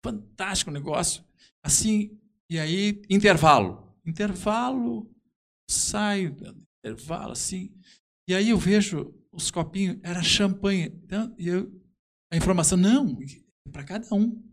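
A man with a southern Brazilian accent, a musician guest in a conversational interview, telling anecdotes in a halting, emphatic way. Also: high-pitched.

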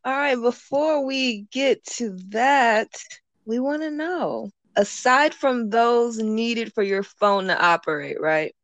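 A woman's voice: fairly high pitch, takes it slowly, a bit bright, no echo. A woman hosting a podcast, talking in an informal, conversational way. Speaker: podcast host. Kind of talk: casual podcast interview.

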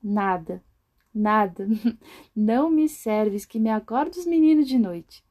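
Fussy little cockroach bride, dismissive, giggly, mellow voice, as a woman storyteller puts her on. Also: mid-range voice, expressive, slow pace. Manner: picky, dismissive, breaks into laughter. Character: fussy female cockroach choosing a husband.

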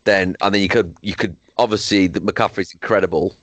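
A man's voice: deep voice, fairly even intonation, brisk, fairly bright tone, no room sound. A man hosting a casual sports podcast, leading the segment with frequent restarts. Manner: leads the segment, many restarts. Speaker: podcast host.

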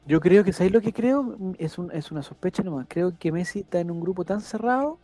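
A man's voice: high voice, expressive, a little fast, warm tone, faint music behind. A man hosting a casual panel chat, joking and reading out viewers' comments. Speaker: host.

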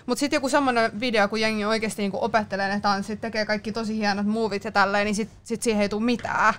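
A woman in her twenties from northern Finland joins a relaxed conversation as a guest. She talks in a chatty, loose way full of fillers. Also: medium pitch, clean tone. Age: 20s. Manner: chatty, filler-heavy casual speech. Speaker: guest, content creator. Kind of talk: casual chat.

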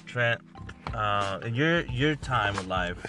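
A man's voice: on the low side, lively intonation, slow pace, over music. Joking man in his thirties hosting. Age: 30s. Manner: loose, joking, cursing. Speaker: podcast host. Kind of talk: casual chat.

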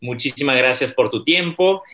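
A man's voice: medium pitch, normal speed, pushed and bright. A man hosts an interview podcast, speaking in an ordinary mid-range voice. He asks his guests polite questions, sometimes with a filler word. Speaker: podcast host, university professor.

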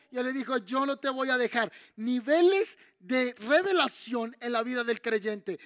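A man preaches a sermon in an unusually high voice for a man. He questions his listeners and drags out the phrases he wants to stress. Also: fairly bright tone. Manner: preaching, asks the audience questions. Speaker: pastor.

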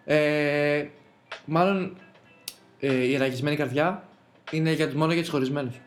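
A man's voice: on the high side, fairly even intonation, soft background music. A man co-hosting a podcast, playfully telling a story and building it up step by step. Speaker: podcast co-host. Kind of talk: casual chat.

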